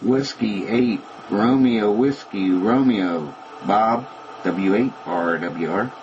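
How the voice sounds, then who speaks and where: A man checking into a radio net, reading his call sign slowly and deliberately over a radio transmission with static. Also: fairly low pitch. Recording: distant muffled radio with clear static.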